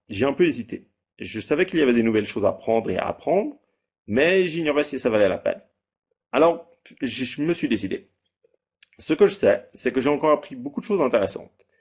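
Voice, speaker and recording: A man in his thirties giving a measured, read-aloud testimonial as a holiday rental owner. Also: mid-range voice, creaky, a little mellow, husky. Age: 30s. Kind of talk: scripted testimonial.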